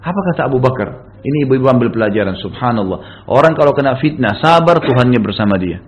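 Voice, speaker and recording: A man delivering a storytelling sermon at a rapid clip. He keeps turning to his listeners with rhetorical tag questions. The recording is muffled and lo-fi. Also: medium pitch, lively intonation. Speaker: preacher.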